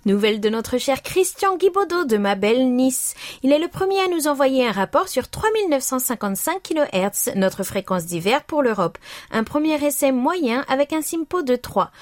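Woman, radio host, high voice, scripted delivery, dry close sound. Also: sing-song, normal speed, no echo. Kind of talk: scripted presenting of listener reports.

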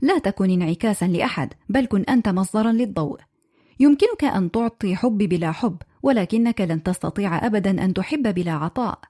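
A female radio presenter reading listeners' contributions aloud in a clear, measured way. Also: mid-range voice, lively intonation, warm tone.

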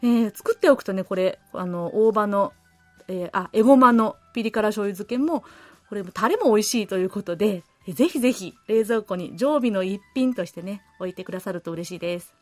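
A woman hosting a radio show, reading listener letters aloud and chatting about them in a friendly, gentle way with soft laughs. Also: mid-range voice, lively intonation, a little fast, no room sound, soft background music. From Korea. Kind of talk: casual radio talk. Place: radio studio.

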